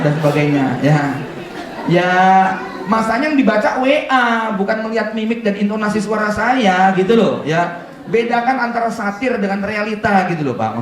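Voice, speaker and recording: A man's voice: high-pitched, a little hiss or hum. A middle-aged man giving a seminar talk as an Islamic preacher, asking rhetorical questions, adding humorous asides and reciting Arabic verses. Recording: echoey hall, mic from far off.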